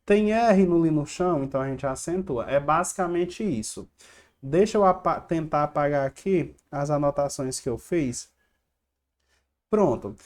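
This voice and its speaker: A man's voice: fairly high pitch, lively intonation, normal speed. A man teaching an online grammar lesson over slides. He quizzes the viewer, answers his own questions and repeats little rhymes to help them remember. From Brazil. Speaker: exam-prep teacher.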